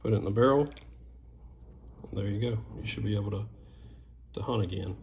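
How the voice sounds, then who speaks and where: A man with a low voice and a noticeable creaky fry, talking through a hands-on repair. He explains each step in a plain, folksy way, like a craftsman giving casual instruction. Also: fairly quick, a little mellow, slight background noise. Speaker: duck call maker giving repair tips.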